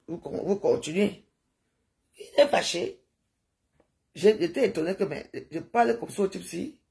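A woman's voice: mid-range voice, normal speed, creaky, dark tone. An older woman chatting to her viewers in a rambling, digressive livestream monologue, sprinkling in sound-effect noises.

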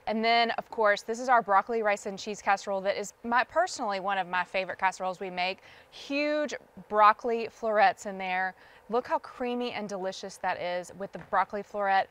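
A woman from the States, a guest on a TV shopping show, warmly listing ingredients and gushing over her family's food in a studio kitchen. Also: medium pitch, brisk, clean tone. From Southern United States. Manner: enthusiastic, lists ingredients, gushes over the food.

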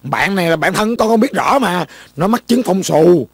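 A man playing a suspicious accomplice in a comedy sketch, with a scoffing, quick-witted manner. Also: high-pitched, expressive, creaky, husky, no echo, heavily acted. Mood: smooth-talking. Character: suspicious young male accomplice. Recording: faint music behind.

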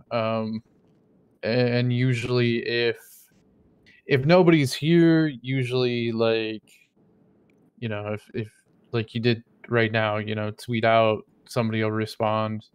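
A man's voice: mid-range voice, fairly even intonation, measured pace, clean tone, dry recording. A man voicing his roleplay character in casual chat, rambling with many fillers and joking in a mock-innocent way. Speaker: streamer playing a roleplay character.

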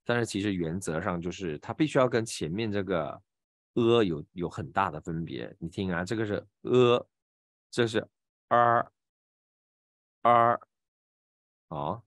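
A man with a fairly low voice and a Malaysian Mandarin accent teaches pronunciation in an online class. He explains patiently and stretches out each sample sound as he demonstrates it. His voice is close and dry, with no room sound around it. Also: expressive, normal speed, no echo. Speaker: voice acting teacher.

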